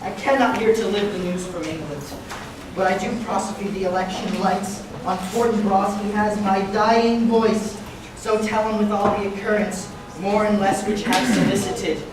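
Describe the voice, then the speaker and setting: A student actor playing a vengeful young prince dying of poison on stage, with slow, halting Shakespearean delivery. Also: medium pitch, fairly even intonation, lightly acted. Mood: fading, resigned. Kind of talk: amateur stage Shakespeare acting. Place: school theater stage, recorded from audience. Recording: distant, echoey hall recording, clear noise.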